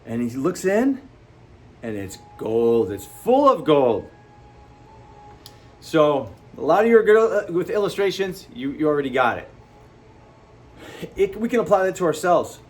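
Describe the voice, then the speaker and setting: A man hosting a motivational talk to camera, speaking animatedly and jumping up in pitch for emphasis, acting out quoted people. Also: sing-song, unhurried, long pauses. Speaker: host.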